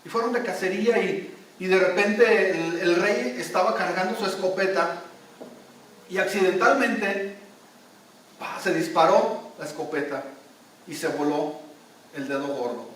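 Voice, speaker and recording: A man's voice: sits high, measured pace, pauses often, a bit bright. A man preaching a sermon, emphatic, repeating his phrases as he tells an anecdote. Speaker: pastor. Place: church hall. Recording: very echoey hall, mic far off.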